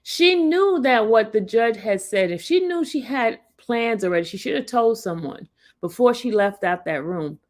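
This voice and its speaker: A chatty livestream host in her fifties laughs often and talks to her live chat in a casual way. She speaks at normal speed in a rather high, expressive voice.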